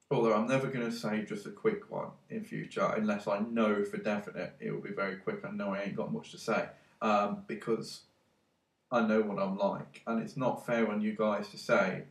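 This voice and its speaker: A man whose voice is on the low side rambles casually as a tech vlogger, recorded from a distance in an echoey room of his own. Congested with a cold, he hesitates often, filling the talk with ums and restarts.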